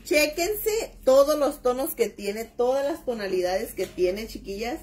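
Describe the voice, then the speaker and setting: A woman's voice: fairly high pitch, animated, a little slow, darkish tone. A middle-aged woman from northern Mexico with a Mexican accent, chatting casually on a makeup live stream, exclamatory and chatty. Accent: Mexican (Baja California). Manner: chatty, exclamatory, keeps calling viewers "chiquillas". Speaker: makeup vlogger. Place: home room by her vanity.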